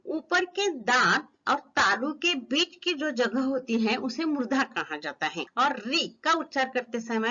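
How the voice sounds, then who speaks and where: High, lively woman teaching grammar. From Maharashtra, India. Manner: slow, deliberate, models each vowel sound aloud. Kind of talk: recorded online grammar lesson. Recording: slightly dull lo-fi recording.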